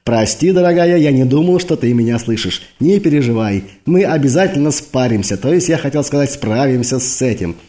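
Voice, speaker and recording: A man's voice: medium pitch, expressive, brisk, hardly any pauses, mellow, natural voice. A man reading an audiobook, voicing a tactless, chatty army major who rambles in cheeky banter. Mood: excited banter.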